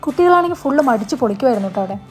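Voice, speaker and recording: A woman's voice: on the high side, lively intonation, rapid-fire, a little mellow, soft background music. A woman, narrating her vlog informally in voice-over and mixing English words into her speech. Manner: mixes English words into Malayalam. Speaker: vlogger.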